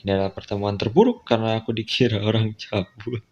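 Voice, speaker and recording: A man with an Indonesian accent speaks fast in a lowish, steady voice as he reads a visual novel aloud, throwing in casual asides while playing. There's slight background noise and music, captured on a dull lo-fi mic.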